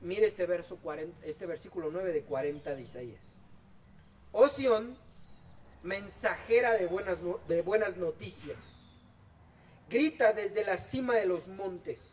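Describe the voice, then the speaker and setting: A man preaching a sermon as pastor, swinging between loud exhortation and soft asides. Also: high voice, a little slow. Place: outdoor church service. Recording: distant mic with faint background noise.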